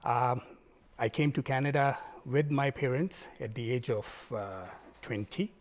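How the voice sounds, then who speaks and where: A man speaks as a guest candidate. His delivery is measured and formal, and he tells his story steadily at a middle pitch. He answers questions in a plain, unhurried interview manner. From Pakistan.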